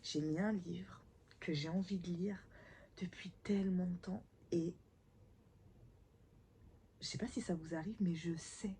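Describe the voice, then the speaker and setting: A woman's voice: on the low side, dark tone, a little hiss or hum. A woman, probably in her thirties, chatting enthusiastically about her reading pile into a camera at home, with whispered asides. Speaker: book vlogger. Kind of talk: casual book haul chat. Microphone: camera mic.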